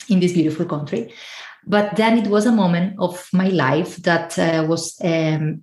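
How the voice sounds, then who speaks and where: A Spanish woman in her forties, a travel and life coach, shares her own story conversationally as a podcast guest, speaking with a Spanish accent. Her voice is low and a little mellow, and the recording sounds roomy and echoey.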